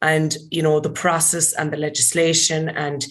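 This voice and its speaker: A woman's voice: deep voice, flat delivery, moderate pace, fairly bright tone. A woman with a strong Kerry accent from the west of Ireland, talking as a panellist in a discussion. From County Kerry, Ireland.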